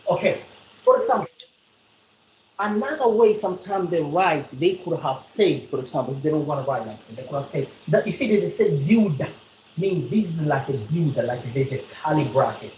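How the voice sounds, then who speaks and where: A woman's voice: sits low, expressive, a little fast, darkish tone, lo-fi sound, slight background noise. South African woman tutoring maths, echoey. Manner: repetitive, coaxing, quizzes the student. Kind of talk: one-on-one maths lesson.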